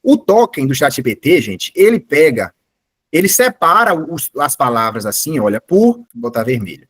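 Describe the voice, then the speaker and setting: A man's voice: on the high side, sing-song, moderate pace, fairly bright tone, breathy edge, no room sound. A man giving a live online class, explaining step by step and often correcting himself mid-sentence. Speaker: course instructor.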